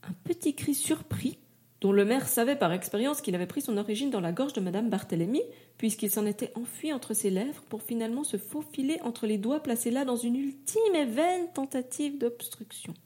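A woman reads a literary tale aloud with a mellow tone. Her voice sits a little higher than most and she tells the story in a measured, even way. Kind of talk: scripted narration.

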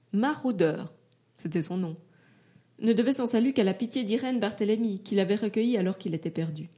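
Woman, storybook narration, mellow, slightly high voice, measured. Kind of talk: scripted narration.

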